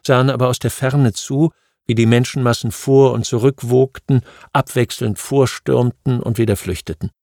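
A man narrating a history audiobook in a measured, even reading. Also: mid-range voice, creaky, dry recording, studio quality. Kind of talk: scripted narration of history nonfiction.

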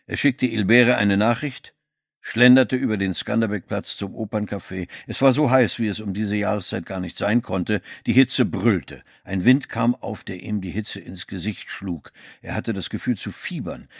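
A man reading a novel aloud as scripted audiobook narration, giving the characters' lines small shifts in pitch. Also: vocal fry, no echo, studio quality.

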